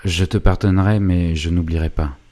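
A man's voice: low-pitched, fairly even intonation, normal speed, dark tone, natural voice. A man voicing a proud, hot-blooded young nobleman who speaks in a stern, curt way.

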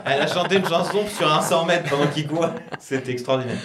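A man's voice: fairly high pitch, fairly quick, noisy background. Man, podcast co-host, jokey riddle-teller, roomy echo. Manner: playful, joking, laughs often. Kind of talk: casual chat, posing riddles.

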